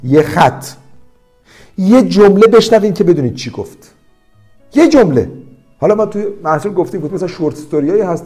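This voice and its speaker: Brief: energetic male language tutor, fairly high, very lively voice, faint music underneath. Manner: animated, lively storytelling with quoted voices. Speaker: language teacher. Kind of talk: promotional language-learning talk.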